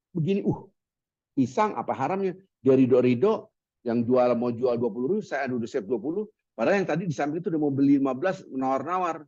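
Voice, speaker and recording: Male preacher, lively Ramadan sermon, fairly high voice, dull dry recording. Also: no echo. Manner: lively, acts out market haggling in quoted voices; chants Arabic hadith phrases slowly.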